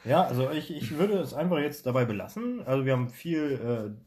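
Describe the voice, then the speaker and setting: A man's voice: medium pitch, brisk. A man co-hosting a casual podcast, telling stories and acting out quotes. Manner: animated storytelling, acts out quotes. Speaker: podcast co-host.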